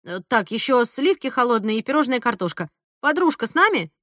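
A woman narrator voices a harried young assistant rattling off errands. Her chatter runs fast and a little high, dry and close. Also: very animated, a bit bright, no room sound. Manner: rapid, chattering.

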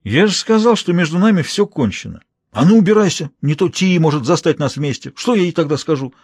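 A man voicing a hot-tempered, jealous young prince in an audiobook, shouting and wailing. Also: on the high side, expressive, fairly quick, no room sound, clean studio sound, voice pushed up. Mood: raging.

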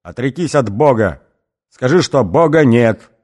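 A man voicing a brutal, drunken male gang boss in an audiobook, shouting and snarling threats. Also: medium pitch, animated, unhurried. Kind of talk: audiobook character voice.

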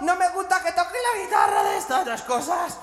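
A man voicing a small girl who whines and shouts to her dad. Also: very high-pitched, wildly swooping pitch, a little fast, some chatter behind, pitched above the performer's own voice, full character voice. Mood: whining. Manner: shouted, whining. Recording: echoey live hall with guitar.

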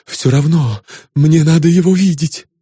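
A man plays an anxious, genteel woman of middle age in an audiobook. Her speech is hushed and urgent, with a lightly raised pitch. The sound is dry. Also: unhurried, breathy edge, dry recording.

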